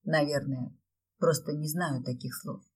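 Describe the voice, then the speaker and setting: A woman voicing a gentle, reserved man who soothes a young woman in a soft, hushed way. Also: low-pitched, fairly even intonation, measured pace, husky, recorded from a distance, voice pushed down. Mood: tender, hushed.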